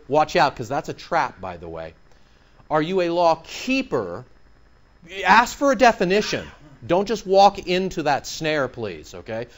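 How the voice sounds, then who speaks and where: A male pastor preaching a sermon in an animated way, throwing out sarcastic rhetorical questions. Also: fairly high pitch.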